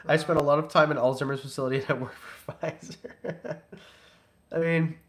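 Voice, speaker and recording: This is a young man who breeds reptiles and hosts a channel, reading donations on a casual livestream while chatting in a rambling, joking, easygoing manner. His voice is a little high, his tone steady, and his pace moderate.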